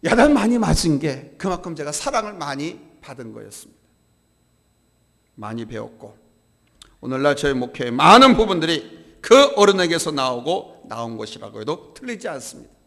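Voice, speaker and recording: A middle-aged man preaching a sermon as pastor, emphatic, with sharp swings from hushed asides to loud, stressed phrases. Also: on the high side, very animated, normal speed, creaky, in a large hall. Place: church sanctuary.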